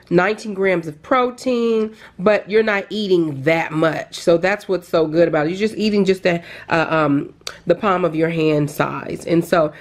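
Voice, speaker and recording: A middle-aged woman vlogging casually, chatting excitedly to her viewers about her groceries. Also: on the low side. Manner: chatty, excited, addresses viewers as "you guys". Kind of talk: casual shopping vlog and haul. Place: store aisles, then at home.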